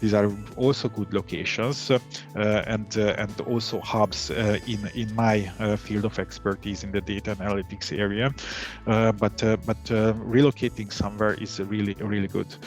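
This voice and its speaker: A middle-aged man from Hungary, calmly answering interview questions, with many fillers and restarts. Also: lowish voice, moderate pace, faint music behind. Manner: calm. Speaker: interview guest, data analytics head.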